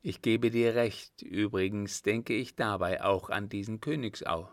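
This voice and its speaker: A man voicing a young man in love, earnest and determined, in his own plain low voice. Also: steady tone, a little slow, no echo, clean studio sound.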